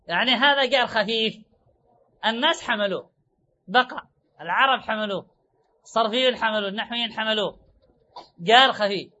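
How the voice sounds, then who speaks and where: Very high-voiced, bright male teacher. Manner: repeats points and asks rhetorical questions; draws out example words slowly. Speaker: Arabic grammar teacher. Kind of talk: classroom lecture. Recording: dull lo-fi recording.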